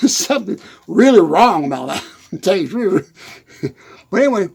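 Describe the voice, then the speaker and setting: A man's voice: high-pitched, sing-song, moderate pace, creaky, a little mellow, husky, heavily acted. A man with a Texan accent playing a giggly good-ol'-boy country character in a rambling comic monologue. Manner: constant giggling, folksy rural grammar.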